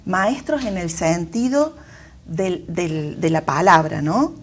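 Argentine woman, school director type; measured, reflective, restarts often. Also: on the low side, expressive, a little hiss or hum. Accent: Argentine Spanish. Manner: thoughtful, many fillers and restarts. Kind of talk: reflective interview answers.

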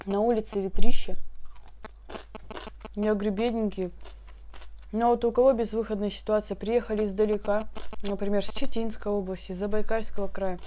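A woman's voice: medium pitch, flat delivery, a little fast, pauses often, dark tone, a little hiss or hum. A young woman vlogger chatting casually with viewers while chewing her food, in a colloquial, easygoing way. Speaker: mukbang vlogger. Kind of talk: casual chat while eating.

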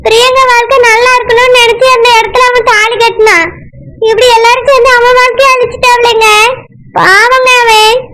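A woman's voice: little pitch movement, fairly quick, pushed and bright. A woman voicing a tearful, lonely older village woman in a cartoon, pleading, with a Tirunelveli Tamil accent. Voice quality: very high, squeaky cartoon voice. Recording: clear background noise.

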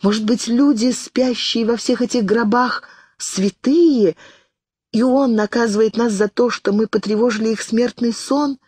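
A woman's voice: a little high, measured pace, darkish tone, slightly rough, dry recording, clean studio sound, pitched above the performer's own voice. A woman reading an audiobook, voicing a terrified twenty-year-old girl who pleads frantically between sobs. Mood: frightened whisper.

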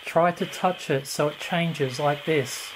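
Low-voiced woman questioning spirits. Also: slow, heavy background noise. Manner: short, spaced-out questions and remarks. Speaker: paranormal investigator running a spirit box session. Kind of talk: slow questioning addressed to spirits. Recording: radio sweep sound behind the voice.

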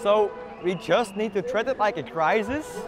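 A man's voice: sits high, a little slow. A young man from Belgium, a climate protester, speaking earnestly in a street interview on a plaza, on a lapel mic. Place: large plaza outdoors. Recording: outdoors with loud crowd around.

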